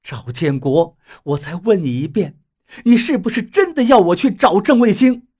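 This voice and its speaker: A man voicing a young woman in an audiobook, pleading and then demanding answers, his voice raised in pitch. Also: expressive, moderate pace, darkish tone, breathy edge. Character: young woman, torn and tearful.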